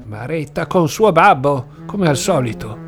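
A man's voice: on the high side, sing-song, unhurried, gravelly, faint music behind, voice pushed up, full character voice. A man voicing a cheerful, teasing young boy in a read-aloud story. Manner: bouncy, playful, ribbing. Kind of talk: audiobook character voice.

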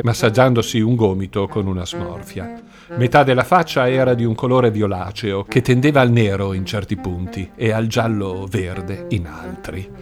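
A man narrating a first-person story in a steady, storytelling manner. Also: fairly low pitch. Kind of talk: audiobook narration. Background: soft guitar music.

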